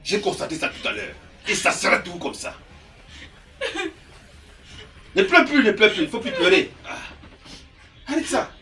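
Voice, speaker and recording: A man's voice: sits high, sing-song, fairly quick, sharp tone, full character voice. A man playing a lecherous middle-aged uncle. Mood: pushy. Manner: insistent, wheedling, keeps tagging "hein?". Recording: distant mic with background music.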